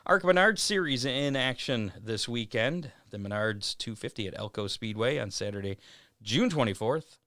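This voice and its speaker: A man hosting a racing show, reading event schedules in a casual way with many "uh" pauses. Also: mid-range voice, expressive, pushed and bright, no room sound, studio quality. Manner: reads schedules with frequent "uh" pauses. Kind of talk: casual racing news rundown.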